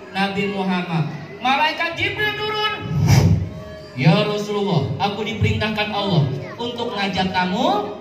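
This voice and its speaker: At an outdoor mosque yard event, a woman with a high voice tells religious stories to children, animated and teacherly, using questions and call-and-response. The recording comes through an echoey PA from a distant mic, with music and crowd noise.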